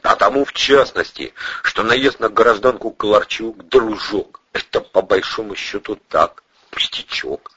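A man's voice: fairly low pitch, animated, measured pace, slightly rough, dry recording, full character voice. Man playing a sly, menacing police colonel. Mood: hushed menace. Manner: mocking, coaxing, drops to a threatening hush. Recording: dull dry lo-fi audio.

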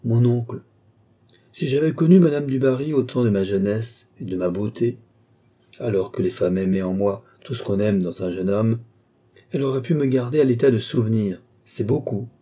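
A man's voice: medium pitch, moderate pace, mellow, husky, close to an everyday voice. A man reading an audiobook, voicing a guarded, eloquent duke in middle age who speaks in long, earnest, courtly speeches. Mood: declaiming. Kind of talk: audiobook reading of a classic novel.

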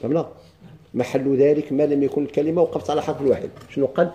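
Moroccan male teacher, very dark mellow voice, drills the class with questions. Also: on the high side, fairly even intonation, muffled recording. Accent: Moroccan Arabic. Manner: questions the class and answers himself, reads lines slowly. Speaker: grammar teacher. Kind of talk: classroom lesson explaining a text.

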